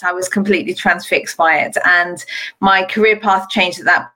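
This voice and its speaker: A woman's voice: fairly low pitch, sharp tone, rough recording. A middle-aged British woman talking conversationally as an interview guest, a health professional describing her work. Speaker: guest, pelvic health physiotherapist.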